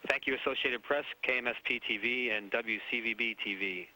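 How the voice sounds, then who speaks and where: A man making a formal call over a space-to-ground radio link, in a clipped, brisk announcing manner. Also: medium pitch, bright, forceful tone, low-quality recording. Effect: space-to-ground radio transmission. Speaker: mission communications call.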